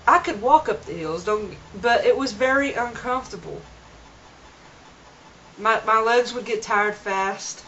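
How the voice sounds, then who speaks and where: Slightly high-voiced and a bit bright, this young vlogger speaks at a measured pace, earnest yet rambling, restarting her sentences. She records at home on a camera mic, producing dull lo-fi video audio with a little hiss or hum.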